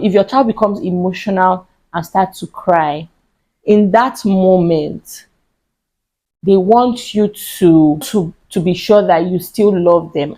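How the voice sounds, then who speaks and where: A woman's voice: fairly low pitch, dark tone, low-quality recording. A woman in her thirties giving earnest, chatty parenting advice to camera, repeating points for emphasis. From Nigeria. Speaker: parenting vlogger. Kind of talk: casual advice talk to camera.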